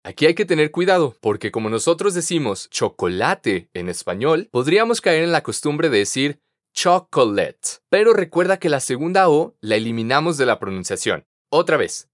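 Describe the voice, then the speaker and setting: A man teaching English pronunciation on a podcast, patient and encouraging, modeling words slowly for students to repeat. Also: on the high side, sing-song, no echo, clean studio sound. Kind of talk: podcast language lesson.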